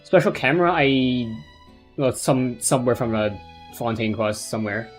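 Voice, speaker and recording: A man's voice: medium pitch, expressive, normal speed. A man doing casual live game commentary as a streamer, rambling and hesitant in an offhand way. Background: plucked guitar game music.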